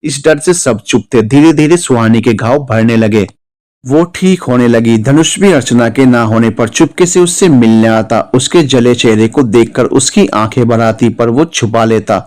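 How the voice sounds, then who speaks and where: A man's voice: medium pitch, moderate pace, a little mellow. A man narrating an emotional story as a storyteller, voicing all the characters himself and raising his voice for the women and the angry moments. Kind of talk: scripted narration with acted dialogue.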